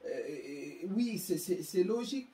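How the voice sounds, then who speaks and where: A woman's voice: on the low side, lively intonation, takes it slowly, dark tone. A woman from Africa giving a public talk to parents, emphatic and scolding, often stumbling and repeating words as she searches for them. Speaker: speaker on parenting. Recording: echoey room, distant mic.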